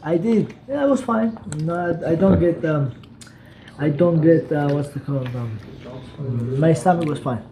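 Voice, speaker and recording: A man with a Georgian accent and Georgian as his first language, chatting casually on a livestream in halting English full of fillers and now and then in Georgian. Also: on the high side, dark tone, echoey room, slight background noise, poor audio. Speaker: guest fighter reading chat.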